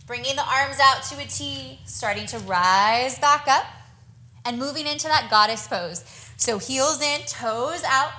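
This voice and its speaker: A woman's voice: high voice, unhurried, pushed and bright. A young woman leading a yoga class, giving encouraging breath-timed cues and sounding a little out of breath. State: slightly out of breath. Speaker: yoga instructor. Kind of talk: guided yoga class instruction.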